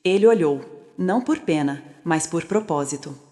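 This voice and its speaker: A woman voicing a composed young businesswoman who speaks calmly and with quiet, cutting resolve. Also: low voice. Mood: cold calm. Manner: calm, measured, quietly cutting. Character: composed young woman returned as rich CEO, coldly calm. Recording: long reverb.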